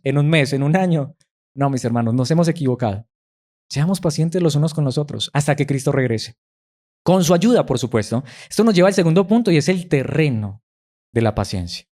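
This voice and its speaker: A man's voice: a little high, dark tone. A man preaching a sermon, earnestly asking rhetorical questions and answering them himself. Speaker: pastor.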